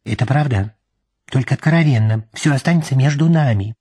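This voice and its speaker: A man reading a story aloud, voicing a nosy young female lab assistant who asks in a hushed, conspiratorial way. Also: medium pitch, fairly quick, in a large hall, close to an everyday voice. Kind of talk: audiobook reading.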